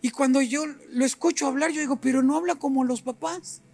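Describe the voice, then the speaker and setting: A middle-aged male preacher delivers a brisk sermon in a high voice, swinging from quiet asides to forceful, emphatic peaks. Animated, he acts out short exchanges, while soft music plays faintly underneath.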